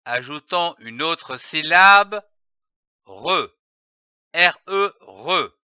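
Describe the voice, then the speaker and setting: Man, reading teacher, somewhat high pitch, spells out syllables very slowly, close and dry. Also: animated, bright, forceful tone, smooth, dry recording. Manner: spells out letters slowly and carefully. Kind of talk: slow syllable-by-syllable reading lesson.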